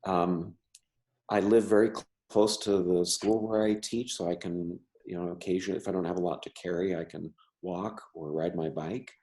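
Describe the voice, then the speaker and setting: A man's voice: deep voice, fairly even intonation, normal speed, warm tone. A man who stutters, an artist and teacher talking casually in an interview, with many restarts and repeated words. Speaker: member artist.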